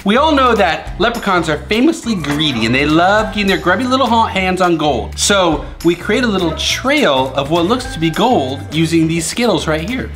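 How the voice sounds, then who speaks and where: A man's voice: sits high, a bit bright. A man in his thirties casually and playfully explaining a craft as the father in a family vlog at home. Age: 30s. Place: home dining room.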